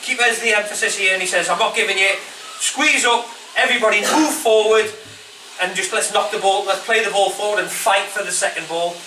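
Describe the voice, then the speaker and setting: A man's voice: high-pitched, brisk, sharp tone. A man coaching football, giving an insistent, instructive tactical team talk. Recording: echoey room, distant mic, faint noise.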